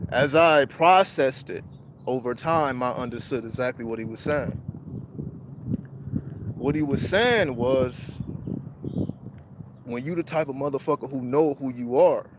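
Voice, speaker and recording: A man's voice: medium pitch, background noise. A man telling a rambling, profane street story in a casual livestream monologue. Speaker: livestream host.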